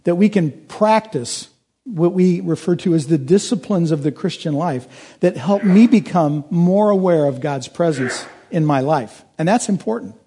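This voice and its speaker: Mellow-voiced man preaching a sermon. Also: on the high side, animated, normal speed, a little hiss or hum. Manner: earnest preaching, rising to emphatic peaks. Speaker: pastor.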